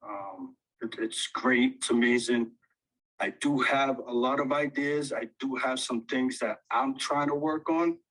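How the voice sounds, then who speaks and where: Man, out of breath, phone audio, halting and earnest, lots of ums, mid-pitched voice. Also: steady tone, a bit bright, low-quality recording. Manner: halting, many fillers and restarts, earnest. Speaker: audience speaker. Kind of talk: casual chat on an audio call.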